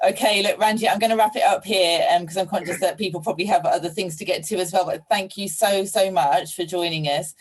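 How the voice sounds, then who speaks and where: A woman's voice: on the low side, steady tone, fast talker, few pauses, breathy edge. A woman hosting an online webinar, speaking in a friendly, affirming way with plenty of ums. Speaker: webinar host. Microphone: video call.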